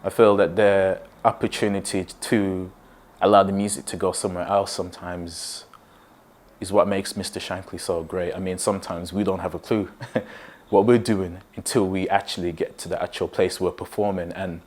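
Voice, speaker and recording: Deep voiced sax player, thoughtful and slow, plain interview sound. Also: male voice, level tone, a little mellow. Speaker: saxophonist. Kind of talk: documentary interview.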